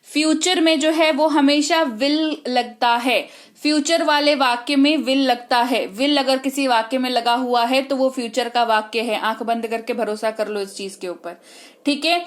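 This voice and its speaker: A woman with a high voice and an Indian accent teaches an online English lesson. She talks briskly, drills terms one after another and keeps checking that her students follow. Hindi is her first language.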